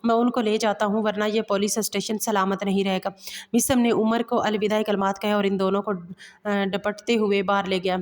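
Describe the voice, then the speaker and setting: A woman reading a romantic novel aloud as a storyteller, in a steady voice that stumbles and restarts now and then. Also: mid-range voice, moderate pace. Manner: even, steady reading with occasional slips and restarts. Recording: long hall reverb.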